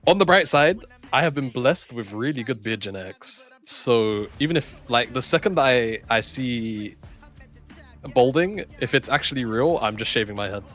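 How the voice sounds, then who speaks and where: A man's voice: mid-range voice, expressive, moderate pace, a bit bright, soft background music. A man, co-hosting a livestream and chatting casually with viewers. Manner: chatty, swearing, laughs often. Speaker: stream co-caster.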